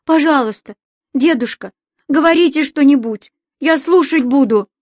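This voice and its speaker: A frightened young schoolgirl, put on by a woman reader, squealing and begging in a high, strained voice. Her pitch jumps far above the reader's own. The sound is dry and close. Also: normal speed, darkish tone, dry recording, close to an everyday voice. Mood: pleading. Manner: panicky, squealing, pleading. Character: terrified young schoolgirl, jittery and shrill.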